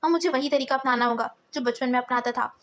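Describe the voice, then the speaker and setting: A man's voice: very high voice, quick pace, fairly bright tone. A woman voicing a stubborn, protective young man in an audiobook, firm and pleading by turns. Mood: stern.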